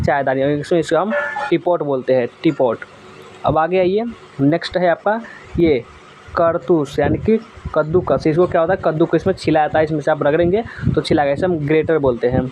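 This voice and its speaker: A man gives a vocabulary lesson in a slightly high voice, naming each item and then asking it back to drill it in. The recording carries a steady noise behind him. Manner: repeats each word and quizzes the viewer. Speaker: teacher.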